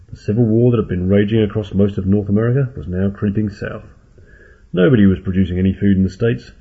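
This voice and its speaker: Guy reading a story, deep gravelly voice, really husky, sounds like over a phone. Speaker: narrator. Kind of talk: audiobook narration. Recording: tinny phone-like audio.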